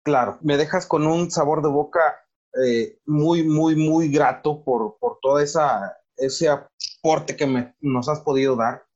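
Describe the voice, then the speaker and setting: A man with a Mexican Spanish accent hosts a casual podcast interview and addresses his guest in a friendly way. His voice is slightly high. The recording sounds dull and lo-fi. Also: unhurried, a little mellow. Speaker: podcast host. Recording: dull lo-fi audio.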